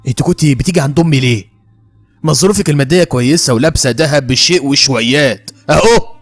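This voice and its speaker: A man's voice: mid-range voice, fast, darkish tone, faint music behind, natural voice. A man playing a hurt young police officer who speaks with an Egyptian accent in a raised, bitter voice. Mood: angry. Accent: Egyptian Arabic.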